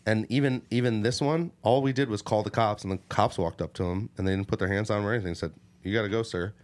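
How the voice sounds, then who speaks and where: A man's voice: fairly low pitch, quick pace. A man hosting a podcast, chatting casually and acting out the people in his stories. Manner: animated storyteller, acts out quoted people. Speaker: podcast host. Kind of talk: casual chat.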